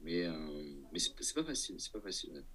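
Low-voiced man, thinking aloud. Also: big pitch swings, rapid-fire, pushed and bright. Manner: hesitant, thinking aloud, checking the listener follows. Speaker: entrepreneur guest. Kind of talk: casual interview talk.

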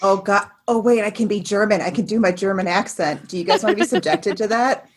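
A woman's voice: medium pitch, brisk, slight background noise. A woman playing a tabletop game, wry and sarcastic in her casual chat. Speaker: player.

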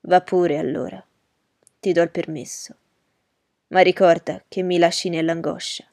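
Brooding anguished gentleman for a radio drama, played by a man; gravelly, monotone delivery, dry booth. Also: on the high side, unhurried, no echo. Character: brooding anguished gentleman pleading with his love. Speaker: Mr Rochester.

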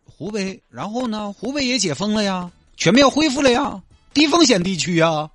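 A man's voice: high-pitched, expressive, normal speed, a bit bright, no echo, faint music behind. A man playing a cautious, hesitant driver who keeps asking doubtful questions. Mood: wary. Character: wary, cautious male Nissan driver. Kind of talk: comedy skit.

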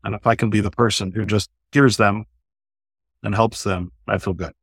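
A man's voice: on the low side, steady tone, moderate pace, fairly bright tone, slightly rough, no room sound, studio quality. A man answering questions as a guest on a podcast, in short, plain, earnest sentences. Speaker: podcast guest, note buyer. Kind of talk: conversational podcast interview.

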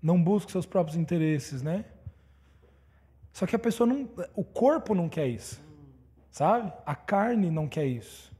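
A man preaches with a Brazilian Portuguese accent, his voice pitched high yet mellow in tone. There is a husky grain to it as he recounts a testimony in a loose, conversational way. He keeps tossing in small questions to the congregation. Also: animated, moderate pace, big-room sound. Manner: conversational storytelling, constant tag questions. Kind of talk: sermon testimony.

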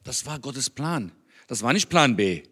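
A man's voice: medium pitch, lively intonation, a little slow, pushed and bright, husky. A German-born man giving an earnest, conversational sermon in a church. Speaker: speaker on Israel at a church.

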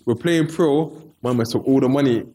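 A man's voice: mid-range voice, normal speed, mellow. A man with a London roadman accent, telling stories casually in street slang as an interview guest and acting out the dialogue.

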